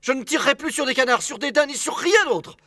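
A man's voice: very high-pitched, lively intonation, fast talker, pushed and bright, dry recording, clean studio sound, voice pushed up, exaggerated voice. A man playing a panicked pleading hunter. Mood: frantic. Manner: frantic, pleading, promising in a rush. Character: frightened pleading male hunter, middle-aged father. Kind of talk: audiobook character reading.

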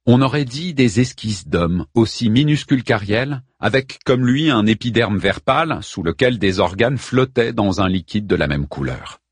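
A man reads a novel aloud in a fairly low, husky voice with lively, expressive pitch. The recording is dry and close, with no room sound. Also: no echo. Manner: expressive, measured reading. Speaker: audiobook narrator. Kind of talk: scripted narration.

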